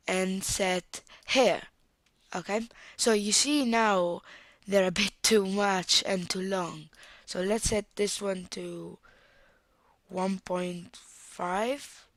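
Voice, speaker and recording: A young Italian woman from Italy who has a cold talks through a screen-recorded software tutorial at a desktop mic, thinking aloud as she clicks. Her Italian-accented voice is medium-pitched, with no echo.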